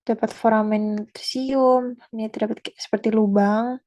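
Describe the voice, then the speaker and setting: A young woman student walks through an anatomy lesson, pausing often and correcting herself mid-word. Her voice sits fairly high but sounds mellow and soft-edged. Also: steady tone. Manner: halting, with fillers and self-corrections. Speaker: student presenter. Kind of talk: anatomy presentation.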